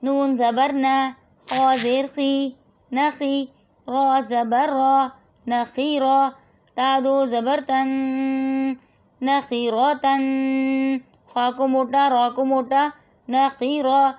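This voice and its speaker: A woman teaching Quran reading, spelling words slowly syllable by syllable, then explaining the rules quickly and checking in with "okay?". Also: high voice, level tone, darkish tone.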